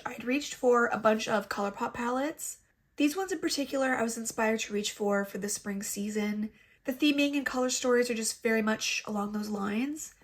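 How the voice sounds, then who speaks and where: A beauty vlogger chats her way through a makeup tutorial, poking fun at herself, her slightly high, somewhat bright voice clearly congested. She seems to be at home, picked up by a laptop's built-in mic.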